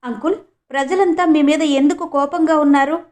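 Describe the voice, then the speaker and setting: A woman reading as a frightened little orphan girl in a storybook. The voice is high and soft. Each line comes out timid. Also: steady tone, moderate pace, lightly acted.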